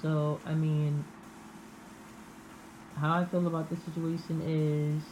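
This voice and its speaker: A woman giving an improvised, intimate tarot reading in a halting, musing manner with drawn-out pauses. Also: sits low, little pitch movement, darkish tone, a little hiss or hum, rough recording. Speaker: tarot reader.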